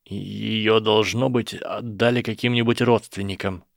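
A man voicing a proud boy wizard who is furious and shaken, shouting with his voice breaking from rage. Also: lowish voice, steady tone, unhurried, creaky, no room sound, studio quality. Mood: trembling anger. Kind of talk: audiobook character voice.

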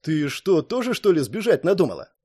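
Brief: man voicing an earnest young bard, defensive, lively pitch. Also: brisk, husky. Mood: surprised. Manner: exasperated, defensive.

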